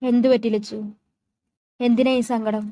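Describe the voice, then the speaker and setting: A woman's voice: on the high side, little pitch movement, a little slow, mellow, dry recording, natural voice. A woman voicing a teasing, protective young man. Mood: concerned. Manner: teasing then serious.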